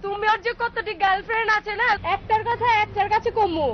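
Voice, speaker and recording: Very high, quarrelsome woman arguing on a bus, lo-fi sound with a crowd behind. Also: fairly even intonation, fairly quick. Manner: shrill, quarrelsome, colloquial. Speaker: passenger. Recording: dull lo-fi with crowd. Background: crowd chatter.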